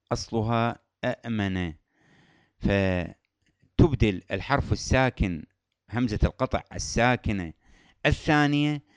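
A man gives a patient lesson on recitation rules, often repeating key terms. His voice is smooth and resonant, and the recording is dry with no room sound. He chants verse examples slowly and melodically. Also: lowish voice, dry recording. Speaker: Quran recitation teacher. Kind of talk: tajweed lesson.

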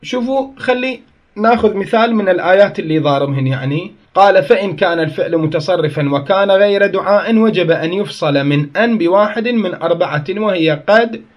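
A man's voice: sits high, lively intonation, fairly quick, muffled recording. A man teaching a grammar lesson. He explains step by step, asks questions and answers them himself, and tells his students to pay attention and write things down.

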